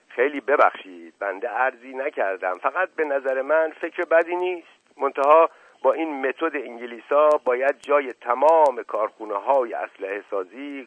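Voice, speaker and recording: A man's voice: medium pitch, slightly rough, no room sound. A man doing a teasing, sarcastic aristocrat. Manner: playful, sarcastic, repeats "moment" as a quip. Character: witty middle-aged aristocrat man, teasing and mocking. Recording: tinny narrow-band radio recording.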